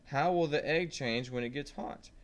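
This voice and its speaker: Here a man with a fairly high voice reads a science lesson to young children at normal speed, leaning on the key words. He stops to ask simple questions and prompt the listener throughout.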